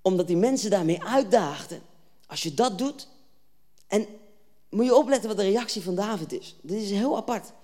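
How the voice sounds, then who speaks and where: A youth preacher giving a lively storytelling sermon, reading Bible verses and then retelling them in casual slang while acting out the scenes. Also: medium pitch, moderate pace.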